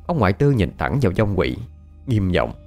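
A male storyteller tells a ghost story, his voice low and full of rises and falls. He stresses the frightening moments with drama. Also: moderate pace, faint music behind. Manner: expressive, dramatic. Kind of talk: scripted ghost story narration.

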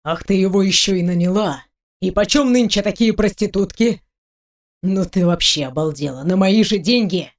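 A woman reading aloud, voicing a jealous, furious grown man who sneers and threatens slowly and heavily in a lowered voice. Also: lively intonation. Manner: menacing, sneering, slow and heavy.

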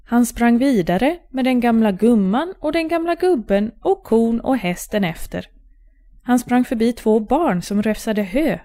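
A woman narrating a fairy tale aloud in a calm, clear storytelling manner. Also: fairly high pitch.

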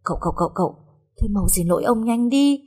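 A woman's voice: big pitch swings, brisk. Woman doing whiny young maid girl Sen. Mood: frantic wailing. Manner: high-pitched pleading, loud.

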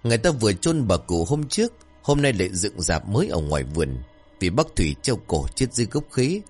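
A man with a lowish voice narrates a village ghost story as scripted storytelling. His pitch moves a lot as he lifts his voice for the characters. Faint music plays behind him. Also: very animated, a little fast, darkish tone, breathy edge.

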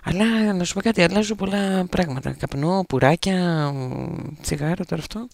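A man's voice: high-pitched, vocal fry, no room sound. A man hosting a web radio show, chatting casually and teasingly on air with a lot of hesitation. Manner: easygoing and teasing, with many hesitations.

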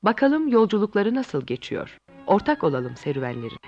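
Lively narrator, dull recording. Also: mid-range voice, a little fast, faint music behind. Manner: lively, inviting storytelling. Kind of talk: storybook narration.

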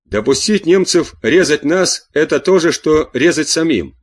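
A man's voice: on the high side, expressive, moderate pace, voice pushed up. A man voicing a fiery farmer who urges soldiers to fight, in an audiobook reading. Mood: urging. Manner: urgent, exclaiming, pleading.

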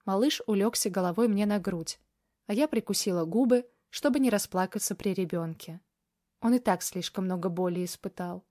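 Woman narrator, first-person novel, intimate emotional read, mid-pitched voice, dry studio sound. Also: normal speed, mellow, dry recording. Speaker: audiobook narrator.

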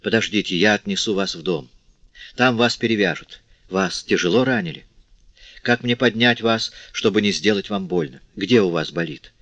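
A man's voice: on the low side, normal speed, fairly bright tone, no echo. A man reading the part of an anxious young man, asking urgent, worried questions, in a dry, slightly dull audiobook recording. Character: anxious young man tending a wounded girl.

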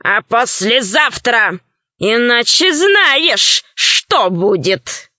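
A woman voicing a brutish, boastful male pirate chief who threatens and brags in drawn-out phrases, in a storybook reading. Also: a little high, animated, bright, forceful tone, no room sound, heavily acted. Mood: threatening. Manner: gruff, bragging, drawn-out threats. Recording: slightly dull, dry recording.

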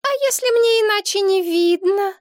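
A lady doing a squeaky whiny bleached girl, spoiled and greedy, super high, dry audiobook sound. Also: very animated, moderate pace, dry recording. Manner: shrill and capricious. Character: bratty bleached young woman, whiny and greedy.

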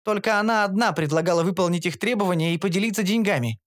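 A man's voice: sits high, fast talker, pitched above the performer's own voice, natural voice. A man doing a jittery young gnome girl. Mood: earnest. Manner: eager, pleading. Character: earnest anxious young female gnome. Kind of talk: audiobook character voice.

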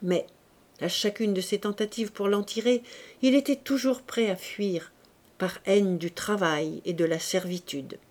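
A woman reads a classic novel aloud at a measured, steady pace. Her pitch sits in the middle of a woman's range, and she tells the story in an even, unhurried way. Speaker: audiobook reader. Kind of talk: literary audiobook narration.

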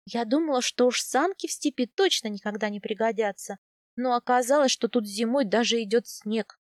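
A woman's voice: fairly high pitch, normal speed, no echo, studio quality. Woman reading a first-person audiobook. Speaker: audiobook narrator.

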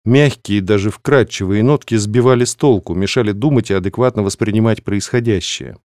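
A man narrating an audiobook in a steady, measured way. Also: on the low side, no echo, studio quality.

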